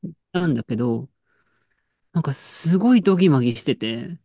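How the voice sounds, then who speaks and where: A woman's voice: low voice, animated, fairly quick, mellow, husky, dry recording, clean studio sound. A woman in casual chat, telling an anecdote with lots of fillers and restarts. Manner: storytelling with frequent fillers and laughs.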